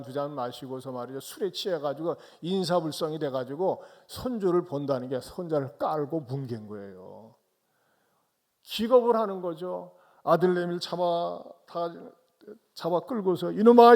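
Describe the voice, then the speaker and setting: A man's voice: a little high, gravelly, a little mellow. A male pastor delivering a Sunday sermon in church, with dramatic storytelling and rhetorical questions to the congregation.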